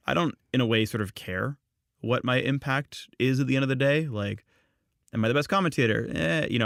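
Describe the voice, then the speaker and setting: Gravelly low-voiced man chatting. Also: dry recording, studio quality. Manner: relaxed, rambling, frequent fillers. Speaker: podcast guest, esports commentator. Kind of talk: casual podcast chat.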